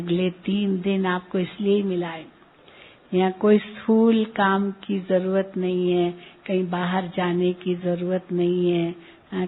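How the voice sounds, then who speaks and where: A middle-aged woman giving a gentle spiritual discourse to a retreat group, asking questions and answering them herself. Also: medium pitch, breathy edge. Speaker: spiritual teacher. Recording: phone-like lo-fi recording.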